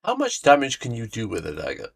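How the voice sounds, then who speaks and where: A man's voice: quick pace, vocal fry. A man running a tabletop game as game master, narrating scenes and ruling on rolls, often laughing. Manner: lively, laughing, drops low for dark narration.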